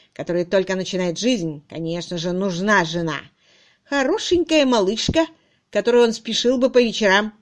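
A woman's voice: medium pitch, natural voice. A woman reading a sneering cruel farmhand. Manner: harsh, mocking, loud. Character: coarse cruel young male farmhand, sneering. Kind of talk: audiobook reading.

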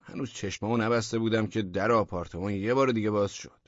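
A man's voice: fairly low pitch, fairly even intonation, no echo, muffled recording. A man narrating a story in a wry, matter-of-fact manner, as an audiobook reading.

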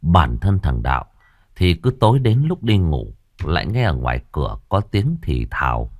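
A man narrating a village ghost story in a lively, dramatic way, acting out the characters as he goes. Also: extremely low pitch, moderate pace, dry recording, dull audio.

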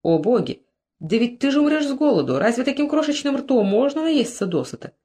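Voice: high-pitched, very animated, a little fast, warm tone, slightly rough, pitched above the performer's own voice, heavily acted. A reader voicing a naive, timid young scribe who asks wondering questions in an audiobook. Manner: wondering, fearful. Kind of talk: audiobook character voice.

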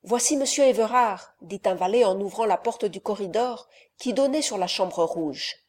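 Lady reading an old novel aloud, calm and expressive, warm dark tone. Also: medium pitch, moderate pace. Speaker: audiobook narrator. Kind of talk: scripted narration of a novel.

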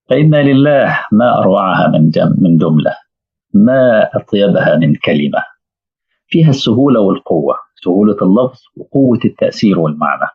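A man's voice: on the low side, gravelly, slightly rough. A man with an Egyptian Arabic accent giving a religious lesson, telling stories and posing rhetorical questions. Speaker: preacher. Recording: tinny phone-like audio.

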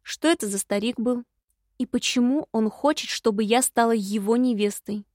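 A woman voicing a spirited young heroine in an audiobook, brisk and insistent. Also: a little high, darkish tone, dry recording, clean studio sound, lightly acted. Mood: pressing.

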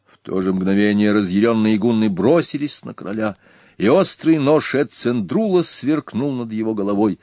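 Мужчина-чтец, низкий голос, сухая близкая запись, драматичное чтение исторической повести. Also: male voice, lowish voice, moderate pace, no room sound, clean studio sound. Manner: dramatic, expressive reading. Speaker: narrator. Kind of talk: audiobook narration of a historical tale.

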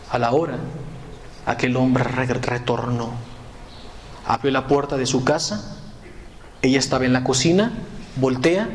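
A man preaching a sermon, his voice carrying a natural middle pitch. He drives his points home through repetition and climbs to fervent emphasis. The room sounds echoey, with a faint hum of ambience underneath.

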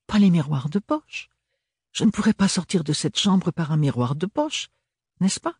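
A man reading an audiobook, voicing a polite, curious young woman in a gentle, raised voice. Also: a little high, sing-song, moderate pace, slightly rough, dry recording, clean studio sound, voice pushed up, heavily acted. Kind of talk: audiobook character voice.

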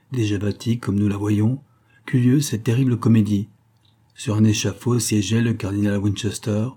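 A man narrating a history book as an audiobook, in a measured, even reading. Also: lowish voice.

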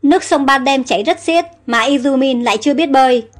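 A spoiled young prince, jealous and mocking, read by a woman. The voice is high, with soft music behind the story. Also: fairly quick, lightly acted. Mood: spiteful. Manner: mocking, bratty.

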